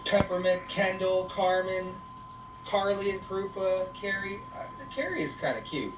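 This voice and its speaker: A woman with a medium-pitched, unhurried voice hosts a casual livestream on a goat farm, playfully teasing and chatting with viewers and the animals. The farm livestream is echoey and noisy, picked up by a distant mic.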